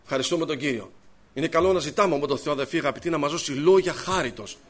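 High-voiced man preaching, loud then hushed. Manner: swings between loud, high outbursts and low, hushed asides. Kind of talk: sermon with personal anecdotes.

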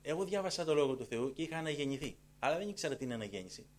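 A middle-aged man telling a personal conversion testimony in a lively way. He repeats phrases for emphasis and acts out the dialogue. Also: a little high. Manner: acts out dialogue in changing tones. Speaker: church member giving a testimony.

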